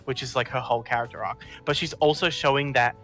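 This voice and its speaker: Bright-voiced man in casual debate. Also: medium pitch, fairly even intonation, fast, faint music behind. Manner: rambling, self-correcting. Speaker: podcast co-host.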